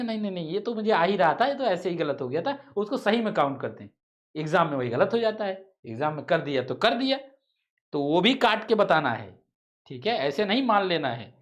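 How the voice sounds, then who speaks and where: A man's voice: sits high, fairly bright tone. A male teacher running a live online exam-prep lesson, quizzing viewers and cracking teasing jokes between questions.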